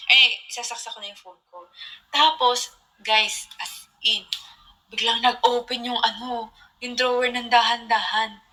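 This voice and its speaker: A woman's voice: fairly high pitch, steady tone, unhurried, bright, forceful tone, rough recording. A young woman hosting a casual livestream, chatting to viewers and laughing often as she tells a story. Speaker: livestream host.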